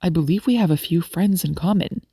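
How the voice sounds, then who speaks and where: A woman's voice: brisk, warm tone, husky, dry recording, studio quality. A woman doing a genial young doctor. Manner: courtly, teasing, lowered voice. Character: polite cheerful young male doctor.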